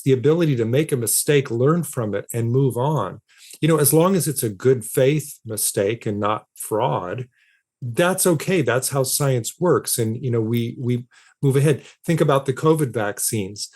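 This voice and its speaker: Appearing as an interview guest, a philosopher of science and author talks in a mid-range, somewhat mellow voice. He lays out his ideas in a conversational way, repeating phrases to stress them.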